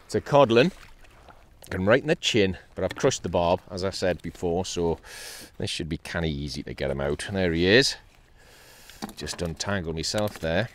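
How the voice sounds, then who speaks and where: A man's voice: low voice, moderate pace, a little hiss or hum. A man, chatting casually on a fishing vlog from a kayak at sea, upbeat and cheery. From North East England. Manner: chatty and upbeat, with excited bursts when a fish is hooked. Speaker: kayak angler. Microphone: action camera mounted on the kayak.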